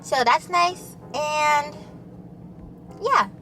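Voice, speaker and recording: High-voiced young woman chatting while eating. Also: expressive, very slow, sharp tone, soft background music. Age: young adult. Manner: casual, chatty, lots of fillers. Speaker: vlogger. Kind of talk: casual mukbang chat.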